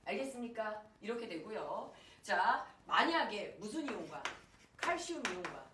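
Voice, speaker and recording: Lively woman teacher in an echoey classroom. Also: mid-range voice, normal speed, background noise. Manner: lively, asks students questions and answers them herself. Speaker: high school chemistry teacher. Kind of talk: lecture with personal story. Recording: echoey room, far from the mic, faint ambience.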